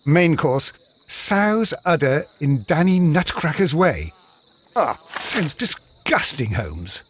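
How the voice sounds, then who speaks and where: Doctor Watson, fussy, higher-voiced English gentleman. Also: very animated, a little hiss or hum, full character voice. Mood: disgusted. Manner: proper, indignant, measured. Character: respectable Victorian English doctor, exasperated, fussy loyal companion. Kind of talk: video game voice acting.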